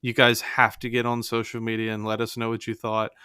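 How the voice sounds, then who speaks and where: Bright, clear-voiced young man chatting eagerly. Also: mid-range voice, monotone, fairly quick, no echo, studio quality. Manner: enthusiastic, rambling with fillers like "like". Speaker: podcast co-host. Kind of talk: casual podcast chat.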